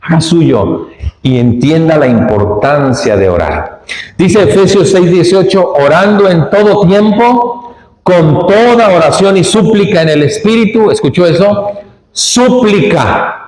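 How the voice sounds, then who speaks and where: A man's voice: sits high, unhurried, a little mellow. A man with a Northern Mexican accent preaching a sermon, acting out the characters' lines and asking the congregation frequent rhetorical questions. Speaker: pastor. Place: church sanctuary. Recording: echoey church hall.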